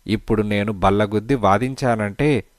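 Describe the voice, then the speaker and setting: A man's voice: lowish voice, moderate pace, no room sound, close to an everyday voice. A man voicing a desperate, blustering lawyer. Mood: pleading. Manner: pleading and blustering. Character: desperate broke male lawyer, pleading.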